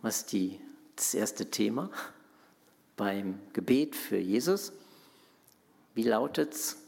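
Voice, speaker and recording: Gravelly-voiced man teaching in a hall. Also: fairly low pitch, expressive, slow pace, a little mellow. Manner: asks the audience questions, conversational. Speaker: pastor. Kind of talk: interactive Bible teaching. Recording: long hall reverb.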